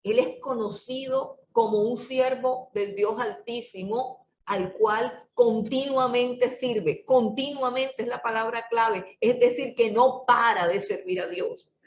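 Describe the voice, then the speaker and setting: A woman teaching a Bible study lesson, slow and emphatic, repeating key words for stress. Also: fairly high pitch. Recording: distant, echoey, muffled room recording with faint noise.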